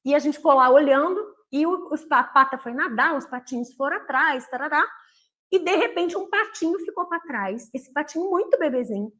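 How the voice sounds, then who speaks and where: A middle-aged Brazilian woman talking about faith and her children's temperaments, telling animated family stories and acting out her kids' voices. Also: sits high, fairly quick. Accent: Brazilian Portuguese. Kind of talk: casual spoken talk, livestream.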